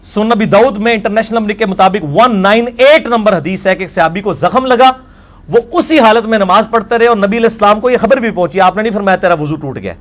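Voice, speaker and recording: A man speaks in the manner of a religious lecture. He reads quoted texts slowly and then comments on them forcefully. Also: high voice. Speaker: religious scholar.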